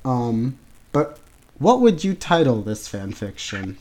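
Podcast co-host, mid-pitched, relaxed, hedging, reads aloud now and then. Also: slow. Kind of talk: casual chat, reading aloud.

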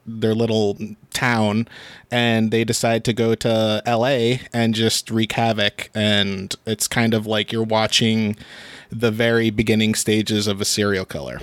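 A man's voice: on the low side, clean tone, no echo. A man on a casual film podcast, speaking hesitantly with many ums and uhs. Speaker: podcast co-host. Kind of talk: casual chat.

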